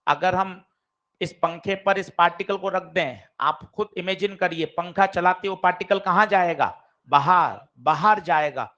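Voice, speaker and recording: A man teaching a physics class, lively and quizzing his students directly. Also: high voice, unhurried. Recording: dull lo-fi classroom recording.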